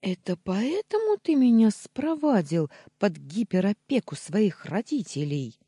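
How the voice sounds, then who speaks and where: A shrill, jealous young wife whose voice leaps up high as she accuses, as a husky-voiced reader puts her on, in a dry, close audiobook recording. She swings widely in pitch and drags out her words. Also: very animated, unhurried, dark tone, dry recording, heavily acted. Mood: shocked, accusing.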